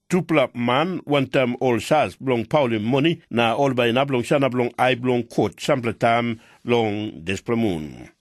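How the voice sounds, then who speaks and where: A man reads the news in Papua New Guinea pidgin with a Papua New Guinean accent. His mid-pitched voice follows a script, in a dry, close studio sound. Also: dry recording. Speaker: radio news reader.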